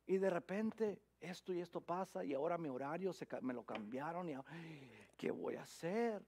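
High-voiced man preaching a sermon. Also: expressive, moderate pace. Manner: dramatic swings from loud emphasis to hushed near-whisper; frequent restarts and repeated words. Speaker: pastor.

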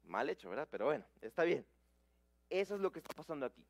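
A man preaching a sermon, animated and with a slightly hoarse throat, who acts out the Bible quotes. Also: fairly high pitch, fast.

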